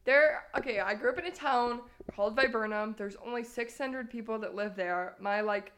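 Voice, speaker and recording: A woman's voice: fairly high pitch, normal speed, fairly bright tone, a little hiss or hum. A young woman from Missouri co-hosting a podcast, chatting in an upbeat way and telling little stories. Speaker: podcast co-host. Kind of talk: casual chat.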